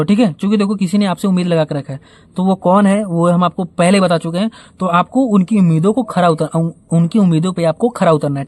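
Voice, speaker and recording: A man with a fairly high voice walks students through a maths problem, repeating key points and asking rhetorical questions as he goes. His manner is informal and encouraging. The sound is dry and close, with no room echo. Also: a little mellow. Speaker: maths teacher. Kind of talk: explaining a maths lesson.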